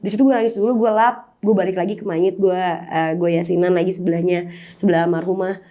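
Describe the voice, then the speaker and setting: Candid woman with a mellow voice. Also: on the low side, steady tone, brisk. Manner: candid, emotional, mixes in English words. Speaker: interview guest. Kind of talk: personal storytelling in casual chat.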